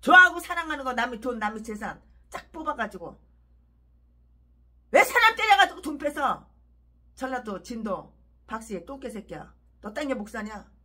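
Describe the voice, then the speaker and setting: A woman's voice: a little high, very animated, normal speed, long pauses, pushed and bright, slightly rough. A woman pastor giving a fiery sermon, ranting harshly with repeated emphatic phrases.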